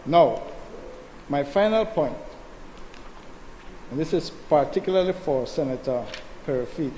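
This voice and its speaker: Combative senator, echoey chamber. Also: male voice, on the high side, expressive, a little slow, dark tone. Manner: emphatic, combative, addresses the chair. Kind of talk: parliamentary debate speech. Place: legislative chamber. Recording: echoey chamber with long reverb, faint noise.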